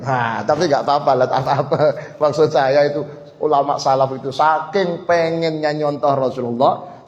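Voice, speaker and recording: A man preaching, telling stories lively and often addressing the listeners directly, in a mosque hall. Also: fairly high pitch. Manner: lively storyteller who keeps addressing the audience. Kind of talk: sermon storytelling. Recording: echoey dull mosque hall recording.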